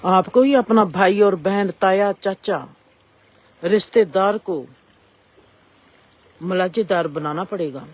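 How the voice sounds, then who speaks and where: A woman's voice: mid-range voice, slow pace, long pauses. A woman gives a reflective spiritual discourse and asks rising rhetorical questions. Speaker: spiritual speaker.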